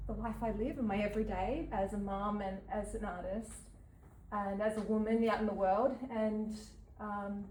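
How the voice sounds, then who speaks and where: An artist from New South Wales, Australia, gives an unscripted talk to an audience in a gallery event space. Her mid-range voice is halting, full of ums and soft laughs. The recording is roomy and a bit distant, with faint background noise.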